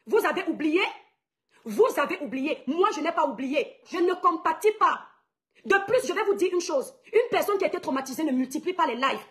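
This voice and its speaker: A young Cameroonian woman blogger rants angrily to her followers in a very high, slightly bright voice. She mocks her rivals and keeps repeating her points for emphasis.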